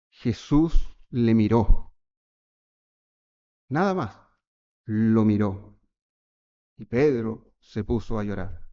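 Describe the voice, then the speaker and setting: A man's voice: medium pitch, darkish tone, muffled recording. A man preaching a sermon in church, addressing the congregation with earnest rhetorical questions. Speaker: presbyter preaching.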